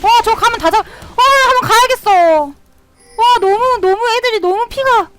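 Very high-pitched excitable woman streamer. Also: a little slow, over loud music. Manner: excitable, talks to herself and shouts at the game. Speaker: game streamer. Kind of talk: live gameplay commentary.

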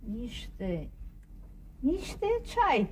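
Old yiddish granny, halting careful words, highish swoopy voice, tv play. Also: female voice, sing-song, slight background noise. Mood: trying hard. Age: older. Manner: halting, word-by-word speech. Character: old immigrant grandmother, halting, eager language learner. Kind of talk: televised period stage drama acting.

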